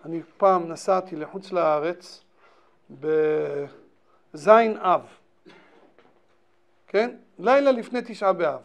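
Man with a high voice, rabbi, animated storytelling lesson, repeats words for emphasis. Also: creaky, pauses often. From Israel.

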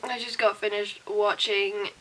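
A young adult woman's casual night-time diary vlog, shot on a close webcam in her bedroom, has her chatting sleepily, self-deprecating and heavy on "like," while tired, slightly wheezy and coughing. Her medium-pitched voice is flat, a little slow and fairly bright. The recording is low quality with slight background noise.

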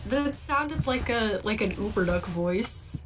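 A woman's voice: medium pitch, lively intonation, takes it slowly, background noise. A woman co-hosting a game stream, chatting playfully with a giggly, teasing manner. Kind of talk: casual gameplay chat.

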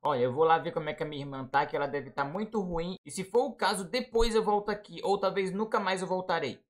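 A woman voicing a hurt young husband in a storybook role-play, speaking in an accusing, quick way. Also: lowish voice, voice pushed down, natural voice. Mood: hurt, resentful. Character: upset young husband leaving home.

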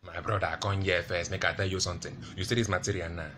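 A man's voice: low-pitched, little pitch movement, fast, fairly bright tone, a little hiss or hum. A man voicing a pushy male street fabric seller with a Nigerian Pidgin accent, giving a hard sell.

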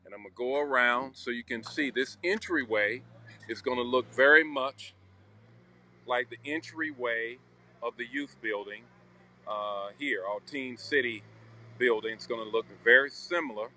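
A bright, forceful, medium-pitched voice at normal speed belongs to a middle-aged man touring a church under construction. He shoots on a phone while walking through indoor and outdoor areas, keeping things casual and upbeat with lots of filler words.

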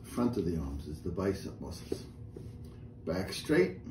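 A middle-aged man guides a seated workout, calling out each movement and breath in an unhurried, mellow voice. His voice lifts and falls a lot as he cues. The small room around him adds a roomy echo with a faint hum of noise. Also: low-pitched. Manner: calm, step-by-step cues with breathing counts. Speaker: fitness instructor. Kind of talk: guided chair exercise class. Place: small indoor room with a painted wall.

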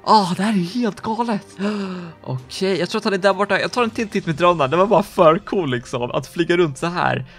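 Man, high voice, excitable gameplay commentary, faint background music. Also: slightly rough. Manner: excitable, quick reactions, gasps and laughs. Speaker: gaming YouTuber.

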